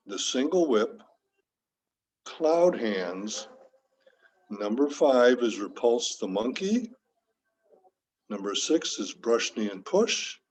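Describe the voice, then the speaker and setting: A man teaching tai chi, patiently cueing movements step by step with frequent pauses. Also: mid-range voice, a little mellow, low-quality recording. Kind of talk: guided movement instruction.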